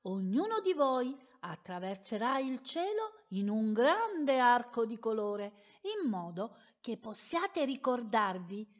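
A woman's voice: on the high side, big pitch swings, takes it slowly, few pauses. Woman doing the scolding, wise rain. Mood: stern. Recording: dull lo-fi sound.

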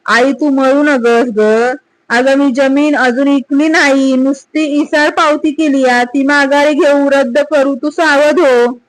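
A woman's voice: high voice, steady tone, measured pace, hardly any pauses, pitched above the performer's own voice, low-quality recording. Woman voicing a desperate weeping village man. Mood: pleading. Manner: rustic dialect, pleading. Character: desperate poor male villager, weeping, cornered.

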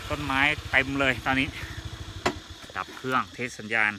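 A man narrating a casual outdoor vlog, chatty and exclamatory, often repeating his phrases. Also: normal speed. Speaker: vlogger. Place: outdoors on a rural hill trail, riding a motorbike. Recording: noisy outdoors with engine and vehicle rumble.

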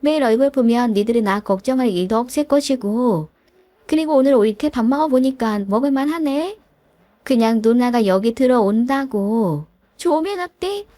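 A woman's voice: fairly high pitch, lively intonation, moderate pace, warm tone, no echo, natural voice. A woman voicing a pushy, presumptuous older sister-in-law who talks down to her family. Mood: bossy.

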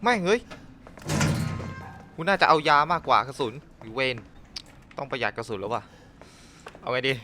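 A man's voice: medium pitch, expressive, a little fast, pauses often, music in the background. A man playing a horror game and talking to himself, swearing and shrieking when startled. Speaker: gaming streamer. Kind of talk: let's play commentary.

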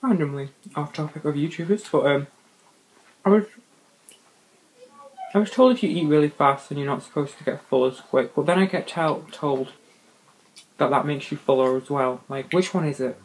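A man's voice: fairly high pitch, normal speed, pauses often, low-quality recording. A young man vlogging casually, swearing now and then and talking with his mouth full during an eating show. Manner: chatty, swears casually, talks while eating. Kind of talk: casual mukbang chat. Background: faint party noise.

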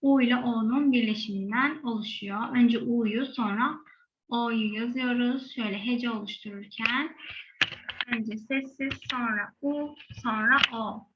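Slow, high-voiced woman teaching pronunciation. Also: dull audio, noisy background. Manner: models sounds slowly, repeating them. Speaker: Korean language teacher. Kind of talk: explaining Korean pronunciation.

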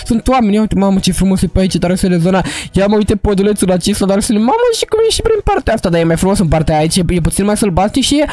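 Excitable high-voiced gaming host. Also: male voice, few pauses. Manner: excitable, scolding, exclamatory. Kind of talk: excited gameplay commentary.

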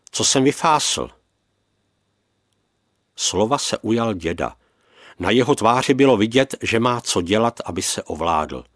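A man narrating a first-person prison memoir as an audiobook, earnest and measured. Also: fairly low pitch, no echo, clean studio sound.

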